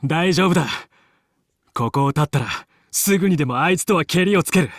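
A man's voice: on the high side, expressive, fairly quick, no room sound, clean studio sound. A male actor playing a confident, heroic young fox who leads a team of space pilots in a video game, with cool, resolute, clipped delivery. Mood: determined, serious. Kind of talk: Japanese video game battle voice lines.

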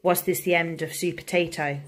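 A primary school teacher reads a picture book aloud to children, expressive and engaging. Her voice is lowish and she goes a little fast.

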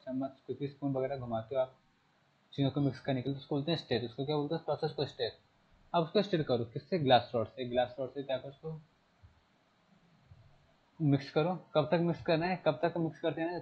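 A man teaching a class, asking his students questions and repeating key terms, reading English text slowly. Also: medium pitch, dull audio. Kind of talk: classroom lesson.

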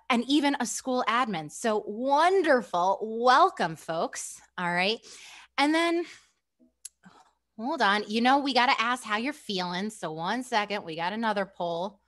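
A chatty woman runs a school staff webinar over a video call. Her voice sits a little high, and she keeps it upbeat and loose, laughing often and filling gaps with "like" and "um". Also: fairly bright tone. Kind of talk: casual presenting on a video call.

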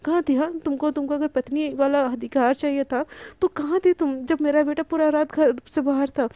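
A hoarse woman voicing an anxious, protective mother who stammers and repeats herself in panic. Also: high voice, fairly even intonation, normal speed, warm tone, no room sound, natural voice. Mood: scolding.

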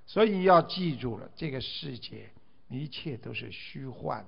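A man's voice: medium pitch, lively intonation, unhurried, vocal fry, husky. A man giving a Buddhist dharma talk, exhorting his listeners and stretching out drawn 'ah' particles between phrases. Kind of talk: sermon. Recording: dull lo-fi recording.

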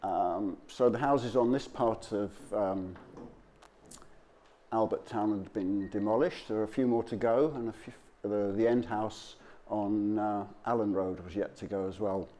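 Speaking on the low side in a dark tone, a local history presenter talks through his slides for an audience. His style is casual and unscripted, with frequent hesitations.

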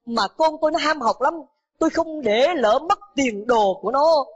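A man's voice: very high-pitched, normal speed. A man telling a moral story, voicing a poor, sick older mother who pleads through tears. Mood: tearful pleading. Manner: pleading, sobbing. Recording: dull lo-fi with background music.

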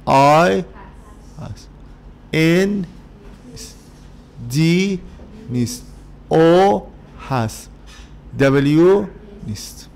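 Speaking Persian with a Persian accent, a man teaches children an English workbook lesson, slowly drilling words and letters one at a time. His voice is on the high side, animated, with some vocal fry.

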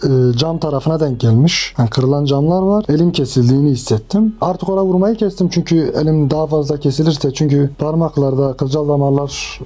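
A young man calmly and reflectively recounting his time trapped under rubble, in a measured testimony. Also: a little high. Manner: calm, reflective, measured retelling. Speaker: earthquake survivor. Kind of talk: personal testimony interview.

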